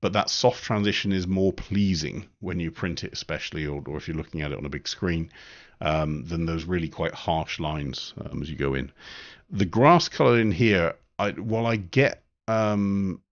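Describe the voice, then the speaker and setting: A man giving a live-streamed photo editing tutorial, relaxed and thinking aloud with frequent ums. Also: sits low, moderate pace, dull audio.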